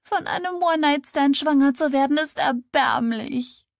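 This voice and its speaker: Sobbing young woman in despair, high and tearful, read by a female narrator. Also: measured pace, vocal fry, no room sound, clean studio sound. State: crying.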